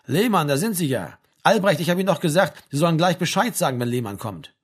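A gruff sergeant major barks and teases in a husky, raised voice, as a male audiobook narrator puts him on. His delivery is lively and brusque, talking down to the young soldier. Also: fairly high pitch, quick pace, pitched above the performer's own voice. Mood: bossy. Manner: brusque, teasing, talks down. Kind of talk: audiobook reading.

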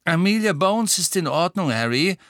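A man's voice: high-pitched, animated, normal speed, fairly bright tone, no echo, clean studio sound, voice pushed up. A man voicing a tired, friendly young witch who talks through yawns in an audiobook. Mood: sleepy. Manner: yawning, sleepy.

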